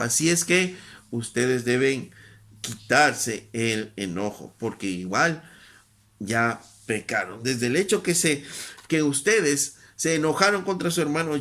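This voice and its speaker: A man's voice: on the high side, fairly bright tone. A man preaching a sermon in an earnest teaching tone. He often checks in with rhetorical tag questions and repeats phrases for emphasis.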